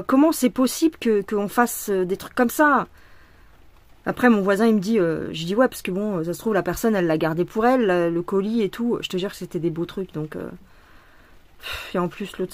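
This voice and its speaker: A woman's voice: mid-range voice, dry recording. Exasperated woman venting, dry close sound. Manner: venting and swearing, frustrated; rambling with many restarts and fillers. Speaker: embroidery vlogger. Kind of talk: casual vlog while stitching.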